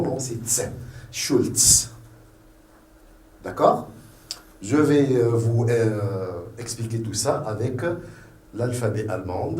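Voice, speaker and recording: Slow, patient man teaching in an echoey room. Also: medium pitch, mellow, distant mic. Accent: Tunisian French. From Tunisia. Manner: patient, repeats each letter slowly. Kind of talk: beginner language lesson.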